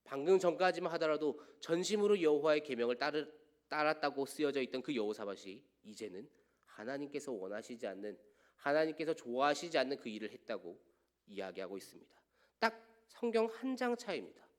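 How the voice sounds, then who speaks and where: A man preaching a sermon as pastor to a young adults' service, asking rhetorical questions and letting his lines fall quiet at the ends. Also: medium pitch, animated, brisk. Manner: earnest preaching with rhetorical questions, swelling and dropping to quiet line endings. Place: church sanctuary.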